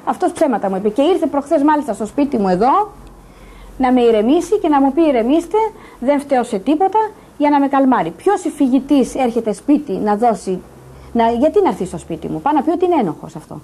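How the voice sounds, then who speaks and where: A woman's voice: high voice, big pitch swings, mellow, slightly rough. A distressed middle-aged woman giving agitated, insistent testimony in a news interview, repeating her points. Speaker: interviewee, patient's daughter.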